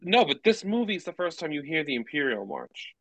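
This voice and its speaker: A man's voice: fairly high pitch, sing-song, fairly quick, a bit bright, no room sound, rough recording. A man co-hosting a movie podcast in casual chat, rambling and restarting his sentences. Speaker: podcast co-host.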